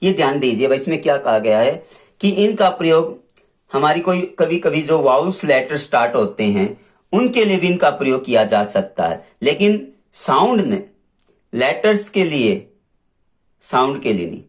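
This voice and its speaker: A man teaching English grammar, who slowly repeats examples and sounds out each letter. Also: fairly high pitch, very animated. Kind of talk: classroom lesson explaining articles.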